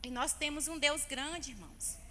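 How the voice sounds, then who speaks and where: A woman's voice: high voice, normal speed, pushed and bright, slight background noise. A Brazilian woman giving a fervent church testimony and speaking to the congregation as brothers and sisters. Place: church hall. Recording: long hall reverb.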